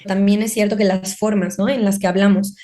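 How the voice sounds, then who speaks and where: A Mexican-accented woman tells her story as a podcast guest in a chatty, conversational way. She slips into quick quoted asides of what she once said, with her voice sitting at an ordinary middle pitch. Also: level tone, dark tone. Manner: chatty, acts out her own past remarks in quoted asides.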